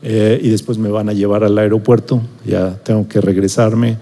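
Mexican preacher in an echoing hall. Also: male voice, on the low side, flat delivery, normal speed, warm tone. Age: middle-aged. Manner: conversational storytelling, checks in with listeners. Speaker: pastor or preacher. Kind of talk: sermon with personal story.

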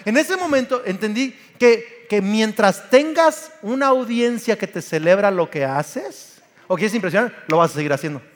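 A man, preaching a sermon with passion and acting out stories, his voice climbing to shouts. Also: high-pitched, animated, moderate pace, big-room sound. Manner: passionate, acts out Bible scenes and family anecdotes, rising to shouts. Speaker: pastor. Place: church hall.

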